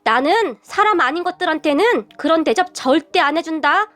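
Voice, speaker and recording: A woman's voice: very high-pitched, animated, moderate pace, a bit bright, dry recording. A woman voicing an elegant older mother-in-law who speaks with dignified, curt coolness. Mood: cool.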